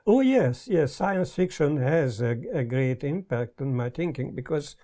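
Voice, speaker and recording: An older man with a Hungarian accent, talking in a thoughtful, halting way with many pauses, interviewed in a book-lined study on a lapel mic. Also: a little high, expressive, dark tone. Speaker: guest. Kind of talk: casual conversation. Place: study lined with bookshelves, indoors.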